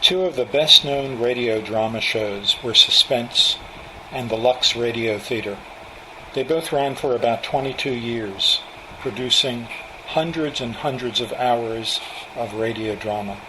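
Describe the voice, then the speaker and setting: An American man in his seventies, an old-time radio enthusiast, reads a scripted personal narration in an unhurried, mid-range voice. A steady hum of room noise sits under the recording.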